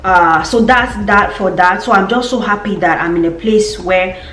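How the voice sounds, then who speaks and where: A woman's voice: medium pitch, normal speed, fairly bright tone, reverberant. A young woman with a Nigerian accent, chatting casually in a vlog update and repeating words for emphasis. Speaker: vlogger.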